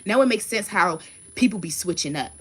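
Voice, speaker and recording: A woman's voice: medium pitch, lively intonation, fairly quick, fairly bright tone, slight background noise. A woman in her thirties doing a casual tarot reading livestream, talking bluntly and emphatically with frequent swearing. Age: 30s. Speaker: tarot card reader.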